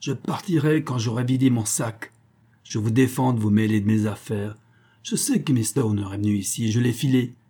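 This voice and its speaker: A man voicing an angry, hulking old country doctor who bursts into loud threats, in an audiobook reading. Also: medium pitch, normal speed, husky. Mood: threatening.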